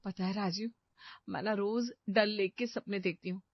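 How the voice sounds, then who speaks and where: A woman's voice: mid-range voice, fairly even intonation, moderate pace, no echo, dull audio, lightly acted. A woman voicing a hopeful young daughter-in-law who talks eagerly and wistfully. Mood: dreamy.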